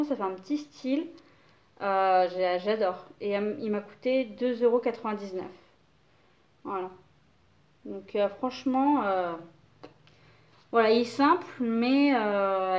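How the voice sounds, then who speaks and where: A young woman casually chatting about clothes to camera, hesitant and full of fillers. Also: on the high side. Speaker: mother showing baby clothes haul.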